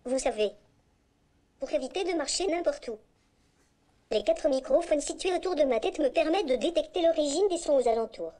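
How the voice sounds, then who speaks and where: Here the robot's scripted text-to-speech demo moves fairly quickly. Its own speaker plays an unmistakably artificial female voice, high-pitched and chirpy, as the small, polite humanoid reels off a self-introduction on a conference stage in a flat, machine-like way.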